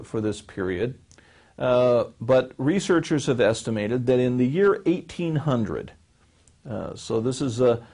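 A man in his forties explains history in a measured, lecture-like interview answer, with frequent fillers and restarts, seated in a small studio with a close mic. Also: mid-range voice, a little mellow. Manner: gestures with his hands while speaking. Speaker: seminary professor answering questions. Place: small studio set with a wood-panel backdrop, seated.

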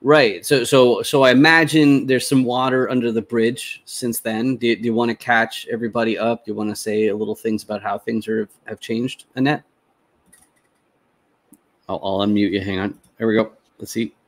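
A man hosting a webinar over a video call, relaxed and a little hesitant, repeating words. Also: medium pitch, normal speed. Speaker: webinar host. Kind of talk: casual hosting.

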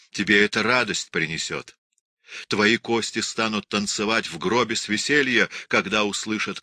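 A man's voice: lowish voice, sharp tone, no echo, clean studio sound. A man voicing a young Cossack wife, desperate and pleading, in an impassioned storybook reading.

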